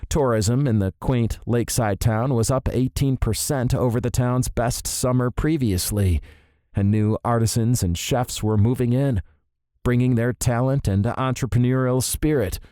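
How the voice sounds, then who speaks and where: A man's voice: on the low side, dark tone, no echo. A man narrating an audiobook in the first person, wry and sardonic, recorded on a close studio mic.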